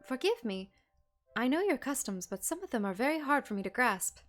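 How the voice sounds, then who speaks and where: A woman's voice: high-pitched, very animated, a little fast, voice pushed up. A woman voicing a courteous foreign woman, a former trader, reading her lines politely over faint game music.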